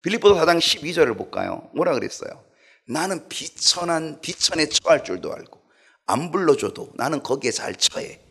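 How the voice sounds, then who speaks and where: A middle-aged male pastor preaching a sermon in an animated way, asking the congregation questions. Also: a little high, normal speed, creaky, breathy edge.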